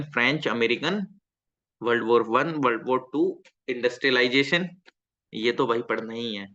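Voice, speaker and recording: This time the teacher's voice sits in the mid range with a fairly bright tone. Throughout the classroom lecture he poses questions to the students and says things again to draw out replies, captured on a slightly dull lo-fi recording.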